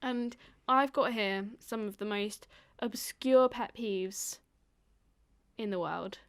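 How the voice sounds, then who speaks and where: A woman in a relaxed podcast chat, talking at an ordinary middle pitch. She explains in long winding stretches, full of ums and restarts, and laughs easily. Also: takes it slowly, smooth. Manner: explains at length, laughs often, lots of fillers. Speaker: podcast co-host.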